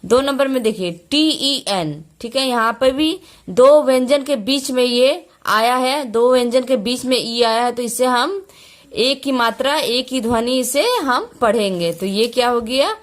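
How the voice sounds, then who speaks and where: A woman teacher, patiently explaining pronunciation rules, repeating each point and spelling out letters slowly. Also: on the high side. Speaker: English teacher.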